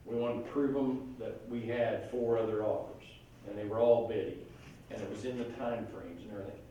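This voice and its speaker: A man's voice: fairly low pitch, fairly even intonation, fairly quick, mellow. Man, casual classroom trainer, anecdotal, roomy echo, faint hiss. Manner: folksy, conversational, tells anecdotes. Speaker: real estate trainer. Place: training room. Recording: echoey room, mic far off.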